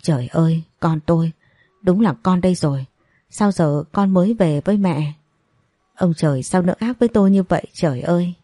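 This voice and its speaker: A woman's voice: fairly low pitch, normal speed, warm tone, no echo, clean studio sound, natural voice. A woman playing a furious grieving mother. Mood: weeping joy. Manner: accusing, reproachful. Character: grieving, furious older mother confronting a man.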